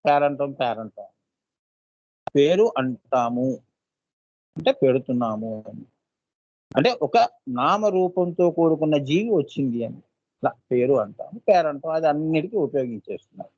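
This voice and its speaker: A man as a spiritual teacher giving a devotional discourse. He often asks his listeners "right?" and chants seed syllables slowly. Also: fairly high pitch, expressive, a little mellow, muffled recording.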